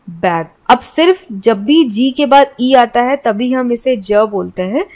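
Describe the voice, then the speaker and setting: A woman's voice: fairly high pitch, darkish tone. A woman teaching English pronunciation, explaining each rule step by step and spelling words out letter by letter. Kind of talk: classroom explanation.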